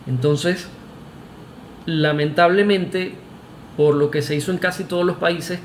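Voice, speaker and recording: A man's voice: a little high, fairly even intonation, unhurried, slight background noise. Argumentative Venezuelan man in echoey room. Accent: Venezuelan Spanish. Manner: argumentative, emphatic, with filler "este" and restarts. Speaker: vlogger. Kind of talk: opinion monologue to camera.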